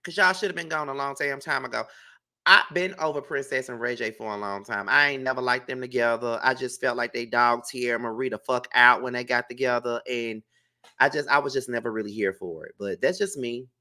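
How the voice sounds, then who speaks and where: A gossip vlogger with a cold sounds congested as he hosts casual, opinionated reality TV commentary. His medium-pitched voice is steady, brisk and sharp, and his delivery is blunt, sassy, emphatic and profane.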